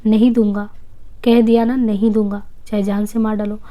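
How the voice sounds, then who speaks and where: A woman's voice: medium pitch, level tone, normal speed, dark tone, close to an everyday voice. Defiant storybook boy, stubborn and sulky, voiced by a woman reader.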